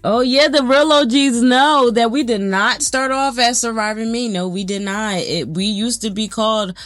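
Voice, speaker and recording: A young woman, a podcast host, talking candidly and haltingly about her own hard times, getting emotional and close to tears. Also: a little high, a bit bright, no room sound, faint music behind. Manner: candid, halting, trails off into fillers. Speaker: podcast host, interviewed as guest. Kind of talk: emotional personal conversation.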